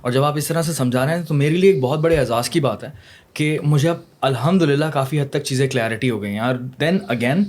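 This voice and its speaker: A man's voice: medium pitch, a little mellow. A man hosting a podcast, chiming in with agreement and mixing English into his talk. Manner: chatty, chimes in with agreement, mixes in English. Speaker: podcast host. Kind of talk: casual podcast interview.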